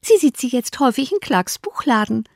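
A woman reading an audiobook, voicing a giddy, excitable teenage girl with shrill, eager exclamations. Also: a little fast, creaky, dry recording, studio quality, full character voice. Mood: excited. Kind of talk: audiobook character voice.

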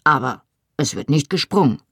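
An audiobook reader voicing a tall young man who speaks calmly and firmly to his little cousin. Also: mid-range voice, normal speed, breathy edge, no echo, studio quality. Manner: firm, calm. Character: tall young husband, calm and patient.

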